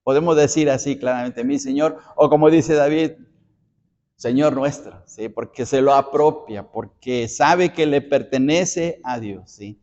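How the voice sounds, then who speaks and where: A man's voice: mid-range voice, measured pace, few pauses, darkish tone, muffled recording. A male pastor from Mexico teaching a Bible study. He explains step by step, often checks in with the audience by asking "¿sí?", and sometimes repeats words while he thinks.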